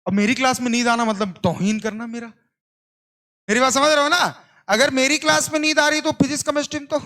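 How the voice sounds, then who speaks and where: In a coaching-class lecture, a man with a very high, pushed and bright voice fires off questions in call-and-response style, repeating the answers. He playfully teases and scolds students who seem sleepy.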